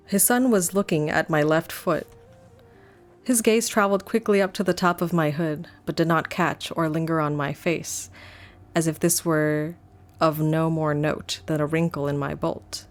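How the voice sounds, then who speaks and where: A woman streamer reading a novel aloud in a casual live-stream reading, breaking off for chatty asides full of "like". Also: low voice.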